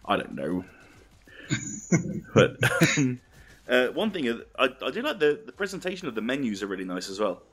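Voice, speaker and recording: A man's voice: medium pitch, sing-song, moderate pace, long pauses, fairly bright tone, slightly rough. A man co-hosting a casual video game chat, rambling with many ums and restarts. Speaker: podcast co-host.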